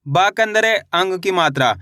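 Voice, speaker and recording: A man teaching reading in a video lesson, drilling each sound with repeated questions and slow model words. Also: high voice, lively intonation, pushed and bright, no echo, studio quality. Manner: repetitive call-and-response drilling, drawn-out model words. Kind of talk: classroom-style video lesson.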